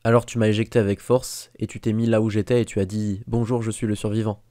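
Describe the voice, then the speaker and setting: A shy, timid young schoolboy from a storybook, speaking in a small, trembling voice, as a man puts him on. The tone is raised a little above the reader's own and stays mellow and dry. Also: fairly low pitch, flat delivery, quick pace, no room sound, lightly acted. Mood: calm reproach. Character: timid eleven-year-old schoolboy, shy and hurt.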